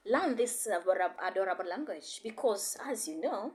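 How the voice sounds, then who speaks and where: In this online lesson, a female Swahili and English teacher from Tanzania stays encouraging, repeats herself a lot and switches between languages. She speaks at normal speed with medium pitch and lively intonation, and there is a little hiss or hum in the audio.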